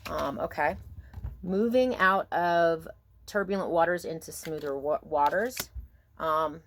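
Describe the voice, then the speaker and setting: A woman giving a casual, intimate tarot reading, thinking aloud in a halting, musing way and often checking in with the listener. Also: low voice, a little hiss or hum. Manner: musing, halting, asks herself questions and checks in with "okay?". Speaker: tarot card reader.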